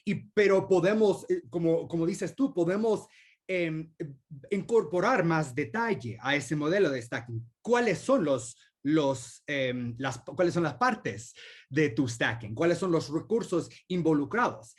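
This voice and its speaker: A man's voice: on the high side, animated, unhurried, breathy edge. A man, the guest speaker, answering audience questions in an academic discussion over a video call and explaining thoughtfully with many examples.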